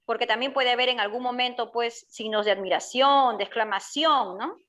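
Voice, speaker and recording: A woman's voice: fairly high pitch, normal speed, fairly bright tone. A woman student answering her teacher hesitantly, ending phrases with a questioning tag.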